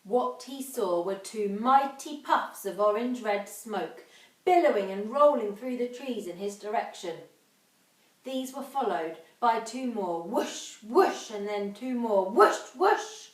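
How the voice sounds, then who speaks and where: A female infant teacher reads a children's storybook and gives instructions in a dramatic, emphatic style, drawing out sound words. Her voice is fairly high and animated, recorded far from the mic in an echoey, roomy space.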